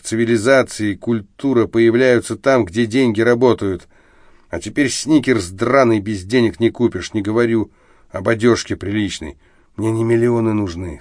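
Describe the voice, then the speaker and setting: A man's voice: medium pitch, no echo, studio quality, pitched above the performer's own voice. A man voicing a drunk, bitter middle-aged academic who rants and slurs, slipping into lisping baby talk. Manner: slurred, ranting drunk outbursts, lapses into lisping baby talk.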